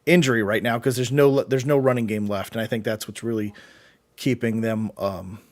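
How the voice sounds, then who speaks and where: A man's voice: fairly low pitch, steady tone, moderate pace. Casual fantasy football co-host man. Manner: rambling, many fillers and restarts. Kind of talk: casual sports chat answering viewer questions.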